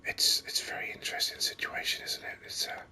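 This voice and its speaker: A gaming host murmurs in calm, soft whispers for an ASMR video, sitting close to the microphone and pondering the game along the way.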